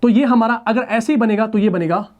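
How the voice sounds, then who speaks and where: A man's voice: high-pitched, background noise. Patient male grammar teacher. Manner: patient, addresses students as brother, personifies letters; slow recitation of verses and verb forms. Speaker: Quran and Arabic grammar teacher. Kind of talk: explaining grammar lesson at a board.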